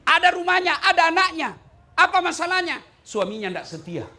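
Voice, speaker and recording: Makassar-accented male preacher, bright forceful tone, jokey sermon, pitch swinging wide. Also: brisk. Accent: Makassar Indonesian. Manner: joking, animated, rhetorical questions. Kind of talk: humorous sermon.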